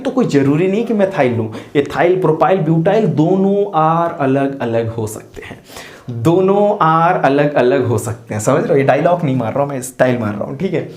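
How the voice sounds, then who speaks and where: Lively, playful male chemistry teacher. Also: a little high. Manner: playful, asks students questions and answers in their voice. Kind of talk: chatty classroom explanation. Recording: roomy echo.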